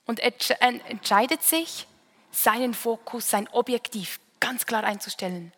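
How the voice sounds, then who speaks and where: Swiss woman preacher, Bern region, somewhat high voice, chatty sermon with tag questions, long reverb. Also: a little slow, fairly bright tone. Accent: Swiss German. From Switzerland, Bern region.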